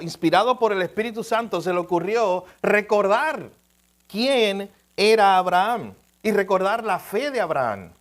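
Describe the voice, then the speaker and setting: A man preaching a sermon in a noticeably high voice. He tells his story with emphasis and laughs at himself along the way.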